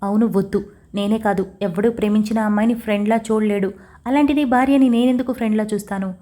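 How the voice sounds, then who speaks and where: A woman's voice: mid-range voice, fairly even intonation, quick pace, warm tone, lightly acted. A woman reading the lines of a stern, blunt young husband in an audio story, demanding answers directly.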